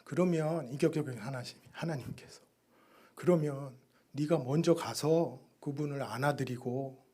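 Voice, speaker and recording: A man giving a missionary's sermon testimony in a church, telling his story with sudden loud and soft turns. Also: medium pitch, moderate pace. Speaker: missionary preacher.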